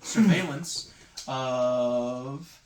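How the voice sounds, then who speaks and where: Speaking very slowly in a mid-range voice, a man casually goes over a tabletop roleplaying game session with his group. He pauses hesitantly and now and then acts out dialogue, while the echoey room picks up background noise and clicks.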